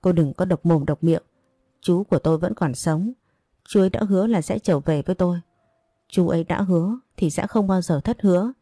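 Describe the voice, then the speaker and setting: A woman voicing a grieving seventeen-year-old who pleads and insists, in a low, dark voice. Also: normal speed, dry recording, clean studio sound. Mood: defiant. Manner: pleading, insistent, breaking into denial.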